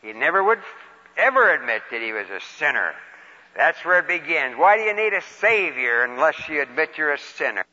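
A male preacher with a fairly high, very animated voice teaches in short, folksy phrases. He moves between questions and personal stories. Long hall reverb surrounds a slightly muffled recording. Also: normal speed. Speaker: preacher leading a Bible lesson. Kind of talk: interactive sermon with questions and personal storytelling.

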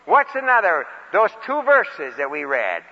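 A male preacher with a fairly high, very animated voice teaches in short, folksy phrases. He moves between questions and personal stories. Long hall reverb surrounds a slightly muffled recording. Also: measured pace. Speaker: preacher leading a Bible lesson. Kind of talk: interactive sermon with questions and personal storytelling.

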